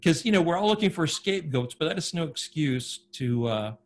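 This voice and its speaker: A man's voice: fairly high pitch, animated, brisk. A man speaking as an interviewer in an earnest, conversational way. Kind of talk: casual interview talk.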